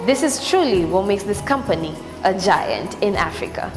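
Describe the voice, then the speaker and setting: A woman's voice: mid-range voice, expressive, moderate pace, roomy sound, in a large hall, music in the background. A woman presenter delivering a scripted, upbeat outro that sends the show to a break.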